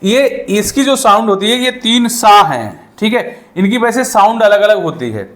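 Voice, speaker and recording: Guy teaching letters slow and careful, kinda high voice, echoey room. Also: lively intonation, a bit bright. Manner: slow, drawn-out letter sounds with repeated "ठीक है". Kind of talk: spoken Hindi reading lesson.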